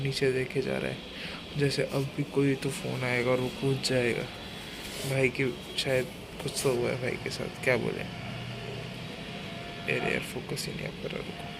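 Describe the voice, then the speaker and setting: A man's voice: medium pitch, vocal fry. A man vlogging casually on his phone from an apartment balcony, rambling and correcting himself as he chats to viewers. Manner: rambling, self-correcting, chatty asides to viewers. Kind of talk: casual solo vlog chat. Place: apartment balcony in rainy weather. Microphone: phone camera. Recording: loud background noise.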